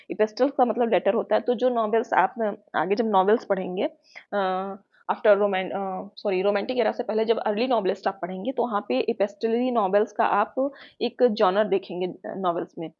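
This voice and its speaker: A teacher with an Indian accent delivers an exam-prep lecture in a mid-range voice at normal speed. She explains things patiently and checks in with her students often. The recording sounds muffled and lo-fi.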